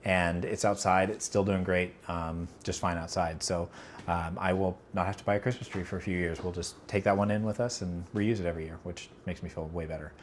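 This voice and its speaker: A man's voice: low voice, steady tone, brisk, slight background noise. A man hosting a casual livestream Q&A, rambling with lots of fillers and restarts, fighting allergies. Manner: rambling, filler-heavy, self-correcting. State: allergies, about to sneeze. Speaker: livestream host answering chat.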